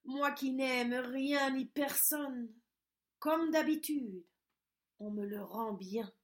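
A woman voicing a grumpy, lonely old witch in a storybook reading, grumbling slowly and drawing out her words. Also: sits high. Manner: grumbling, slow and drawn-out.

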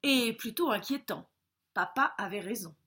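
Woman reading as a young male bird: high, loud, keen, bold. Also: animated, moderate pace, very noisy, lightly acted. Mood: wary.

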